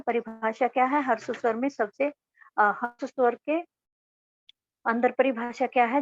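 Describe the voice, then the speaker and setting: Woman teacher, slow and deliberate, fairly high voice, quizzing then answering, dry lo-fi sound. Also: dry recording. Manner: slow, asks questions then answers them herself. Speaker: school teacher. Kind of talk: grammar lesson. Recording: dull, dry lo-fi recording.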